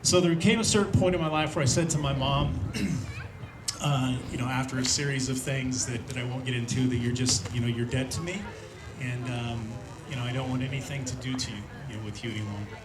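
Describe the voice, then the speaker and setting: A man in his fifties from Indiana gives an earnest, reflective personal testimony at a church event, pausing often on fillers. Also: medium pitch, steady tone, crowd noise. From Indiana, USA. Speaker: speaker sharing a recovery testimony. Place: large room at a church event with an audience. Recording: roomy hall with audience noise.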